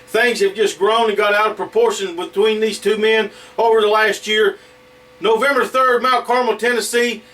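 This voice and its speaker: A man's voice: high voice, a bit bright. A middle-aged man hosting a wrestling show with unscripted commentary, picked up from a distance.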